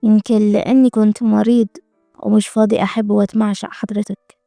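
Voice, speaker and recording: Woman putting on a cold young doctor guy, egyptian, quick and low-key, slightly gravelly. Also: level tone, warm tone, no room sound, clean studio sound, faint music behind, natural voice. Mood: guarded. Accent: Egyptian Arabic. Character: guarded young male doctor, cold and controlled.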